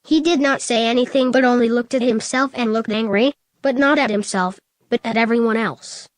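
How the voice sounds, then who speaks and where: Woman reading fan fiction aloud, fairly high voice, steady plain delivery, dry close sound. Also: normal speed, no echo.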